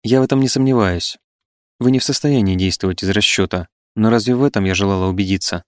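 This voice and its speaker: A man's voice: fairly low pitch, quick pace, dry recording, natural voice. A man voicing a proud, wounded eighteen-year-old woman who speaks with impassioned reproach. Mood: reproachful. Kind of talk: audiobook character reading.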